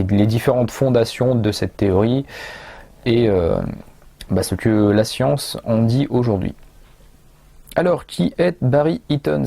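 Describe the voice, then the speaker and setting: A man's voice: fairly low pitch, creaky, warm tone. A man from France reviewing a dog training book in a casual, rambling way, full of fillers and self-corrections.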